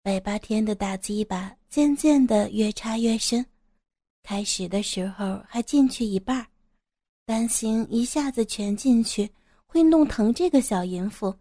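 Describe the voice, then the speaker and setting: Slow-reading woman narrator. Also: fairly high pitch, dark tone, no room sound, studio quality. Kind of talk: storytelling narration.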